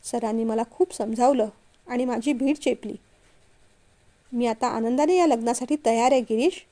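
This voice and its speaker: A gentle young woman from a storybook, soft and coaxing, quick to apologize, read by a woman. Her voice sits high and warm. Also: close to an everyday voice.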